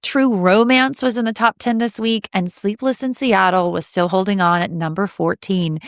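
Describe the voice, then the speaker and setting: Southern American woman, 30s, animated podcast co-host, dry close mic. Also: medium pitch, dry recording. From Southern United States. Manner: chatty and animated, quick restarts. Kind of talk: casual film podcast chat.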